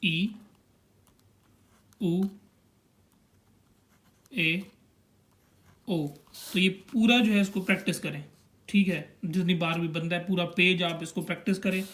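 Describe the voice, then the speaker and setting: A man's voice: sits high, steady tone, slow, long pauses, a bit bright. A young man teaching a language lesson, pointing at a chart and patiently sounding out syllables one by one.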